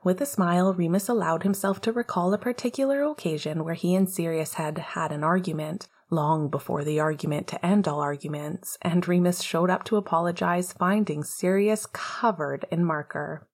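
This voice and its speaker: Soft-spoken husky woman narrator. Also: on the low side, moderate pace, few pauses. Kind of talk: audiobook narration of fiction.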